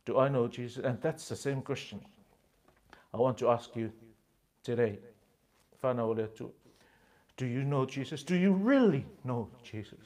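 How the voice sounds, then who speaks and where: A man preaching a sermon as pastor, impassioned, with slow, emphatic phrases that swing between loud and hushed. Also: medium pitch, fairly even intonation.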